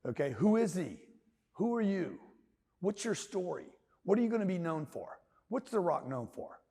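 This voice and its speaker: A high-pitched Southern man from Louisiana, in his fifties, works a seminar crowd as a business mentor. His delivery is loud, emphatic and rambling, with jokes thrown in. A long reverb trails his words through a large hall. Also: sing-song, moderate pace, slightly rough. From Louisiana, USA. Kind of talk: live seminar talk.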